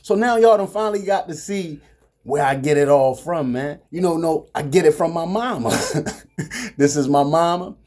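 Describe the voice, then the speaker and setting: A middle-aged man with a husky voice and a Baltimore accent, chatting casually and playfully as he hosts. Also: a little high, expressive, normal speed, darkish tone. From Baltimore, United States. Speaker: host showing photos to his mother. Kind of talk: casual chat.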